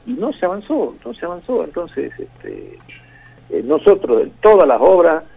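Argentine man, husky and gravelly, minister on a tinny phone line, halting then emphatic. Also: fairly high pitch, big pitch swings. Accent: Argentine Spanish. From Jujuy, Argentina. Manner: hesitant, repeats words, then emphatic listing. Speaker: provincial minister. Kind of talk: radio interview by phone.

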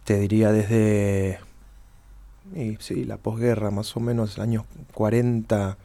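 Speaking slowly and flatly, a middle-aged flamenco musician from the Buenos Aires area has a fairly low, warm voice with some vocal fry. He chats and reminisces as an interview guest in a casual conversation, his accent distinctly Buenos Aires Spanish.

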